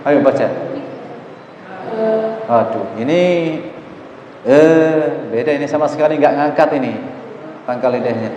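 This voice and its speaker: A man's voice: medium pitch, unhurried, long pauses, mellow, dull audio, a little hiss or hum. A man teaching Quran recitation, patiently coaxing students through pronunciation drills and demonstrating the sounds himself. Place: mosque hall. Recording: echoey mosque hall, faint ambience.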